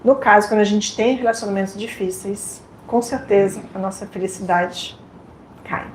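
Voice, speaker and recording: A woman with a mid-range voice and normal speed, French and French-accented, gives a live lecture in a hall. She talks playfully and directly, asking her listeners questions; the sound is echoey with a little noise.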